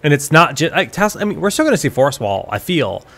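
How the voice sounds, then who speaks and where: A man's voice: on the high side, big pitch swings, a little fast, creaky, fairly bright tone. Thoughtful man analysing a game draft. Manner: thinks aloud, hesitant restarts. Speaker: esports caster.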